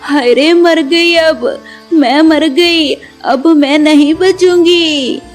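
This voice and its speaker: Woman voicing a high-pitched cartoon mother-in-law sparrow, scheming, scolding, dramatic, slow. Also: soft background music. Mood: wailing.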